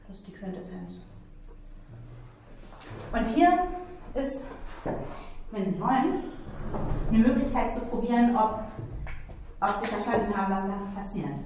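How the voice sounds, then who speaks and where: A woman's voice: fairly high pitch, lively intonation, a little slow, pauses often, darkish tone. Woman lecturer explaining in an echoey room. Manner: patient, explanatory, thinks aloud. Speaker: mathematics lecturer. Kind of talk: tutoring session explaining algebra. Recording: echoey room, mic far off, faint noise.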